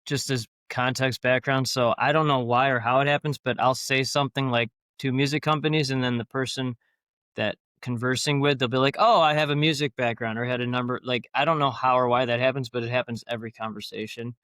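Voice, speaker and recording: A man's voice: medium pitch, steady tone, brisk, a bit bright, no room sound, studio quality. A man talking as a podcast guest, rambling and enthusiastic, with many fillers and restarts. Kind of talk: casual interview talk.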